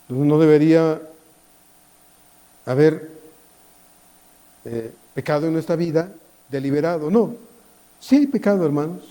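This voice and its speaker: A man preaching a sermon as pastor, pleading and dropping to a hushed voice at times. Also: a little high, animated, unhurried, pauses often.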